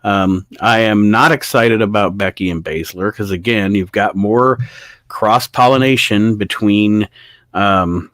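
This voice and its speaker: A man's voice: lowish voice, measured pace, a bit bright, dry recording. A man co-hosting a podcast in casual, opinionated chat, reading viewer comments aloud. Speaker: podcast co-host.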